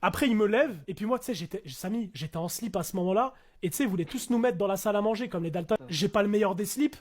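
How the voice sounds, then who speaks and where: A French storyteller with a high-pitched voice and quick pace tells a comic anecdote in casual, slangy speech. He animatedly acts out the people in it, including shouting cops and slangy street French.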